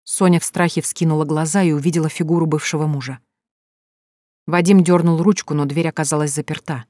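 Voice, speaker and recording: A narrator reading a thriller audiobook in a measured, tense storytelling manner. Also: mid-range voice, fairly even intonation, dark tone, no echo, clean studio sound.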